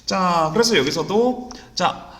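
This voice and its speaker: A man teaches an exam-prep English reading lesson in Korean, repeatedly asking rhetorical questions and answering them himself while reading the English sentences slowly and deliberately. His voice is high-pitched and a bit bright, with a roomy echo in the recording.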